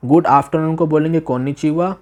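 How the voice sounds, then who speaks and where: A man teaching a beginner language demo class, repeating phrases slowly, asking the listener questions and exaggerating his tone to show meaning. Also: fairly high pitch, fairly even intonation, darkish tone. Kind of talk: demo class lesson taught in Hindi.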